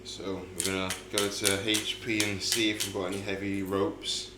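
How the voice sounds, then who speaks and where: A man's voice: fairly low pitch, little pitch movement, moderate pace, heavy background noise. A man who is an athlete, chatting on a vlog in a laid-back, teasing way. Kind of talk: casual vlog chat.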